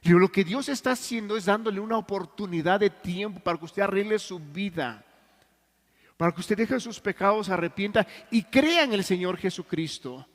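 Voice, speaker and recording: A man preaching a sermon in Mexican Spanish, telling stories earnestly and swinging between loud and hushed. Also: high-pitched, lively intonation, brisk. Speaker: pastor. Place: church hall. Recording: long church reverb.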